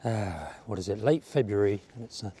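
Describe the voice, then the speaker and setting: This casual walking vlog has a man musing and rambling aloud to the viewer along a village road and seafront. A cold makes his voice slightly croaky. It sits lowish, sounds expressive and moves briskly, with background noise picked up by a small wireless clip-on mic.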